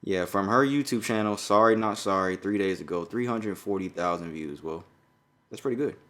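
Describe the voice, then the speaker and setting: A young Jamaican man raised in New York co-hosts a podcast, talking loosely and profanely about a viral song. His voice is lowish and fairly bright, at an ordinary pace.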